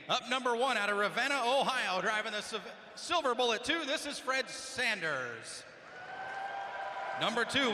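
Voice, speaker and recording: A man's voice: very high voice, sharp tone. A man announcing a tractor pull class over an arena PA, projecting formal introductions of each driver. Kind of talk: live arena announcing of a competitor lineup. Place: large indoor arena. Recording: echoey arena PA, crowd and noise. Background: crowd and arena noise.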